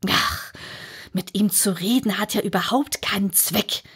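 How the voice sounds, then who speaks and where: A woman's voice: mid-range voice, a little slow, a bit bright, husky. A woman reading an audiobook aloud and voicing a curious young girl who grows more insistent and exasperated. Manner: pleading, increasingly insistent.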